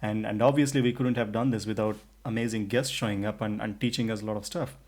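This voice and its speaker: A man's voice: fairly low pitch, steady tone, fast, darkish tone. A man co-hosting a podcast in a casual, chatty way with frequent restarts. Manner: chatty, many restarts and fillers. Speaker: podcast co-host.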